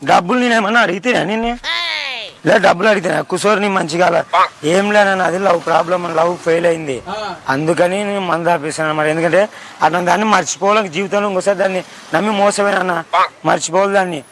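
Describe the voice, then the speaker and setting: High-voiced young man, pleading. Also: steady tone, fast, a bit bright. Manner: pleading, keeps asking questions, repeats himself. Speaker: prankster. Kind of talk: prank, acting heartbroken.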